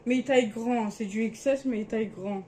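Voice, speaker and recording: A young woman vlogger casually shows off her clothes, chatty and sometimes hesitant as she searches for words. Her voice is on the high side, a little fast and a little mellow, with slight hiss or hum.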